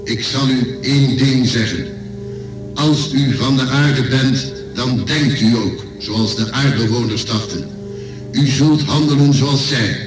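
A man acts a programmed guardian machine in a science fiction radio play. The voice is formal and mid-pitched, set in an echoing space with music underneath. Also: takes it slowly, close to an everyday voice. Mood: impassive. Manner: formal, impassive, matter-of-fact. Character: programmed robot guardian of an imperial library. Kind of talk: radio drama acting. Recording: echoey radio drama with music bed.

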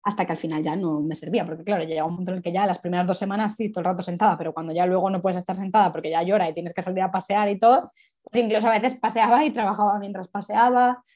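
A woman's voice: medium pitch, fairly even intonation, very fast, darkish tone. A woman sexologist, reflecting candidly in a casual interview and rambling through many asides.

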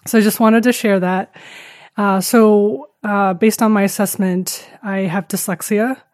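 A woman talks as a podcast guest in a mid-pitched voice. She is candid and conversational, picking her way through thoughts with a hesitant, self-deprecating manner. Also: steady tone, measured pace, darkish tone, no room sound, studio quality. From Taiwan.

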